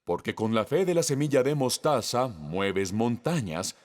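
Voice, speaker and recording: A man preaching to a congregation, his pitch rising and falling with lively expression. He takes his time, leaning on each phrase and turning to ask the room questions. His voice carries a long reverb, as if filling a large hall. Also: a little slow. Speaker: pastor. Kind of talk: sermon.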